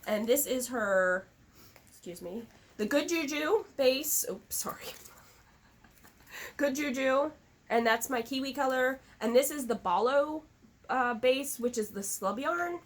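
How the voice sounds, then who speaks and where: A woman's voice: high-pitched, animated, measured pace. A woman co-hosting a podcast in casual chat, chatty and enthusiastic, coughing now and then. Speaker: podcast co-host.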